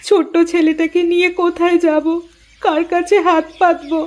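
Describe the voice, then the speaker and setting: A woman's voice: very high voice, little pitch movement, normal speed. A woman voicing a poor young village wife who pleads and weeps in a cartoon story. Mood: worried. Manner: tearful, pleading. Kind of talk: animated cartoon voice acting.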